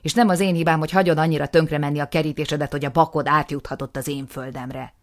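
A smug older farmer who brushes off every accusation with sarcasm, as a woman reads him. The voice is low and gravelly, raised and scornful in this storybook reading. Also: darkish tone. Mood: dismissive. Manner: dismissive, sarcastic.

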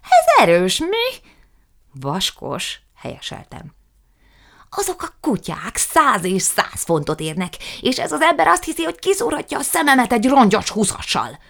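A woman's voice: a little high, wildly swooping pitch, vocal fry, pitched above the performer's own voice, exaggerated voice. A woman reading an audiobook, voicing an indignant, blustering middle-aged man who rants theatrically. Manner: loud, theatrical ranting.

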